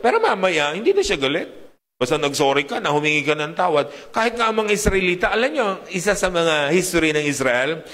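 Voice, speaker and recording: A man preaching a sermon in a lively, rhetorical way, often putting questions to his congregation. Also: a little high, big-room sound.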